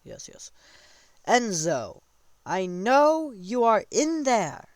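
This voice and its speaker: A man's voice: on the high side, takes it slowly, clear, resonant tone, no room sound. A man voicing a menacing fantasy king. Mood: taunting. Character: menacing male fantasy king taunting his quarry.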